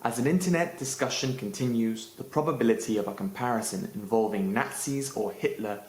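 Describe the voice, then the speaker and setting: A man's voice: medium pitch, a little fast, roomy sound, rough recording. A man hosting a scripted English lesson for Spanish speakers, narrating with playful asides. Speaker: English teacher and channel host.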